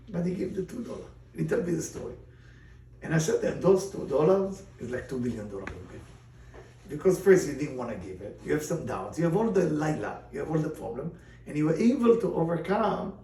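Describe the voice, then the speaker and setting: A male rabbi teaching a Torah lesson in lively, animated English with non-native grammar, mixing in Hebrew terms. His voice is mellow and dark. It sounds roomy and picked up from some distance, with a faint hiss behind it. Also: a little high, vocal fry. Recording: roomy, distant mic, faint background noise.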